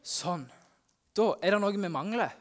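A man, a youth pastor, telling the Easter story in first person at a family church service, lively and exclaiming as he talks to the children. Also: sits high.

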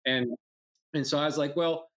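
Animated entrepreneur telling stories. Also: male voice, mid-range voice, fairly quick. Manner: animated storyteller, acts out quoted customers, swears, many restarts. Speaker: entrepreneur and mentor. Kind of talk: casual podcast conversation.

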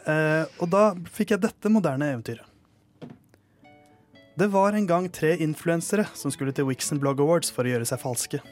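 A man with a fairly high voice tells a silly modern fairy tale. He reads it aloud with comic timing and puts on voices for the characters. Soft music plays behind him. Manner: storytelling with acted voices and laughs.

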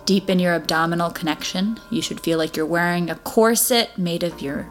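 A woman's voice: fairly low pitch, moderate pace, faint music behind. A woman working as a Pilates instructor, guiding an exercise class with encouraging, step-by-step cues.

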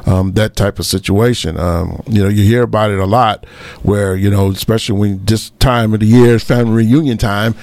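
Halting male radio co-host, dry sound. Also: fairly low pitch, steady tone, a little mellow, dry recording. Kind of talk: casual political talk.

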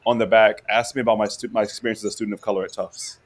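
A law professor, guesting on an interview, speaks casually and with energy, frequently laughing and asking "right?" to check in. This man's voice sits lowish, barely moves in pitch, and comes out rapid-fire.

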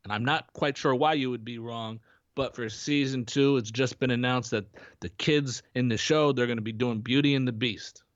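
A man's voice: mid-range voice, fairly even intonation, normal speed, no echo, lo-fi sound. A man co-hosting a podcast in casual chat, rambling with many restarts and fillers. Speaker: podcast co-host. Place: home in Florida.

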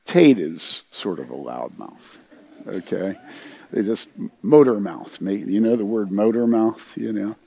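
A man's voice: lively intonation, a little slow, dark tone, husky. A middle-aged pastor from the United States telling a story in a conversational sermon, questioning his listeners and acting out the quoted voices. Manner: conversational, asks the congregation questions; acts out quoted voices with big pitch jumps.

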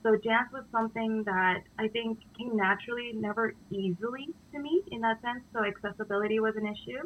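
A woman's voice: on the high side, a little fast. Young woman from india, co-runs a dance company, lots of um's, kinda muffled lo-fi audio. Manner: thoughtful, with frequent "um" fillers. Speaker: dance company co-founder, guest. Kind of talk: interview answers. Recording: dull, lo-fi sound.

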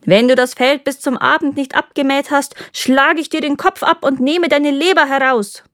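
A woman's voice: high voice, steady tone, moderate pace, a bit bright, dry recording, studio quality, pitched above the performer's own voice. A woman voicing a menacing rider who threatens a lazy reaper in a storybook reading. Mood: threatening. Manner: threatening, commanding.

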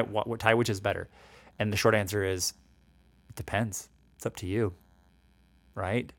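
Here a man in his 40s, a financial educator, talks through retirement savings and taxes in a lowish voice with no echo. His delivery is chatty, frequently asking "right?" and starting sentences over.

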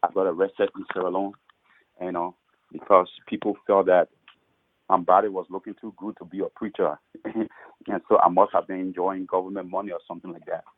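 A Liberian pastor and author shares his testimony in an interview, earnestly and briskly, often restarting sentences by repeating words. His voice is very low and husky with little pitch movement, heard over a muffled, phone-like line. The sound is dry with no room around it.

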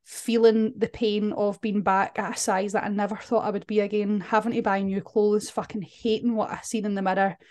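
A woman talks candidly as a podcast guest, earnest and open, her sentences often restarting. Her voice sits at a middle pitch. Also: little pitch movement, normal speed, hardly any pauses, darkish tone. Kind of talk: podcast conversation.

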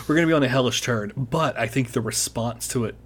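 Animated rambling man chatting. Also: mid-range voice, moderate pace, crowd noise. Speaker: podcast guest. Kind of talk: casual political chat.

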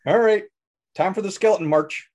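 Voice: mid-range voice, a little fast, a little mellow. A player at a tabletop game playing a cleric, joking and bantering casually with the table. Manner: joking, playful.

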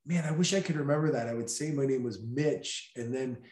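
A man in the middle pitch range hosts a podcast, rambling loosely through jokey stories and laughing often. His voice sounds like it bounces around an echoey room. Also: brisk, darkish tone. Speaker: podcast host. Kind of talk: casual chat.

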